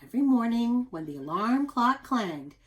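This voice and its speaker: With a fairly high-pitched voice, a woman works as a teacher reading a picture book to small children. She leans into deliberate, expressive emphasis and slips in questioning asides.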